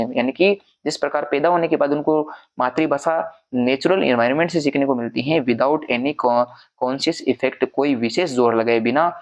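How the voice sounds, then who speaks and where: A male teacher giving an exam revision lecture, reading each English point slowly and then explaining it in Hindi. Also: medium pitch, highs cut off.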